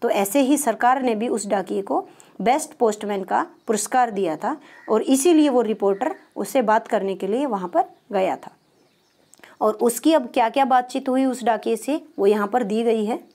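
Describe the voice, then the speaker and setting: A woman's dark-toned voice, on the high side, moves at a normal speed. She patiently explains a primary school lesson, both asking and answering her own questions.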